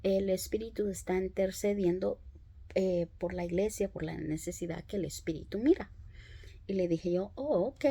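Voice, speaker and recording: A woman telling her conversion story as a church testimony, in an unhurried, reflective way with frequent hesitations. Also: on the low side, steady tone, vocal fry, dark tone, breathy edge. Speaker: preacher giving testimony. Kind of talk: personal testimony in a church talk.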